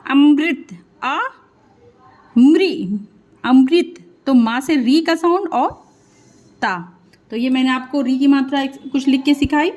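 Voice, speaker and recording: A young woman teaching children Hindi vowel signs, sounding each syllable out slowly and patiently. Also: high voice, a little mellow. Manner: patient, spells sounds out slowly, often says sorry and "means". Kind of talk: online Hindi lesson for children.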